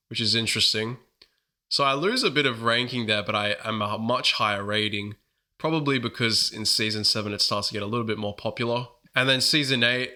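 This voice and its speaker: A man's voice: on the low side, pushed and bright. A man hosting his gaming channel, chatting casually through strategy commentary while a bit sick. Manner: chatty, upbeat, self-correcting.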